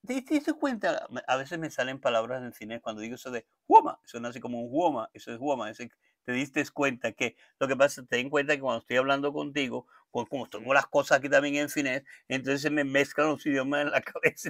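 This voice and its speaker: A man teaching a casual language lesson, chatty and digressive, slowly repeating words so learners can copy them. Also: mid-range voice, creaky, a bit bright, no room sound, studio quality.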